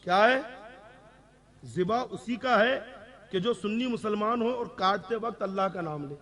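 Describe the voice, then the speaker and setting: The same Islamic scholar, now high-pitched and a bit bright, fields audience questions on religious rules. He hammers home key rulings through repetition and frequently makes sure his listeners are keeping up.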